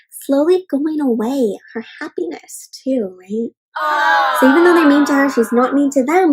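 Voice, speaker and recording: A woman reads a storybook to young kids as a read-aloud host, offering encouragement and reassurance and regularly breaking off to explain simply and check in. Her voice is high and slightly rough, and the audio is poor.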